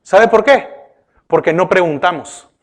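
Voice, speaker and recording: A male pastor delivering a sermon, questioning his listeners often and turning from emphatic bursts to hushed remarks. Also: sits high, a little slow. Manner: preaching with repeated rhetorical questions to the congregation; often addresses listeners with "oiga" and "¿verdad?".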